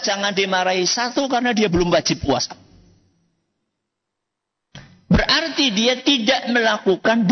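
A male Islamic preacher gives a sermon. He keeps asking the congregation questions and answering them himself. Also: high voice. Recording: echoey hall, dull lo-fi sound.

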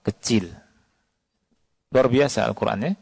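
A man's voice: medium pitch, measured pace, creaky, darkish tone, breathy edge. A man preaching a sermon, reciting Arabic verses and asking the audience questions. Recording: long hall reverb.

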